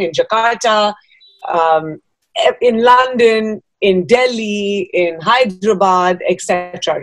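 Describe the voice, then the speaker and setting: A woman in her thirties from Dubai, a fashion designer appearing as a guest, answers interview questions conversationally over a video call from a room at home. Her voice is on the low side, and there's no echo.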